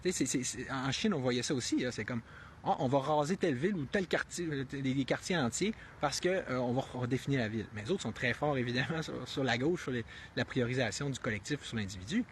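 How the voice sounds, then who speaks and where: Quick and expressive, a Québécois live streamer talks in a mid-range voice through unscripted commentary. He thinks aloud and rambles with many restarts and fillers, staying earnest and asking emphatic rhetorical questions. There's a touch of background noise.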